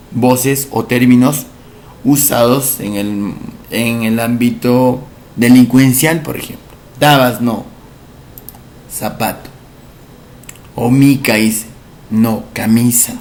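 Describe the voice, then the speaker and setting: Slow-talking man teaching a lesson. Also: mid-range voice, darkish tone, slight background noise. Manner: explains slowly, repeats each word, asks rhetorical questions. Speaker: language teacher. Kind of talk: recorded lesson for university entrance exams.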